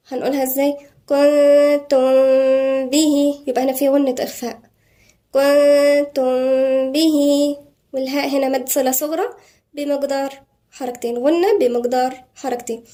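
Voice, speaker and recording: A high-voiced Egyptian woman teaching Quran recitation rules, her tone dark and mellow. She explains briskly, then slows down to chant each word in a stretched, careful model. Her manner is that of a patient tajweed teacher. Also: steady tone. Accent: Egyptian Arabic. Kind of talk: tajweed lesson.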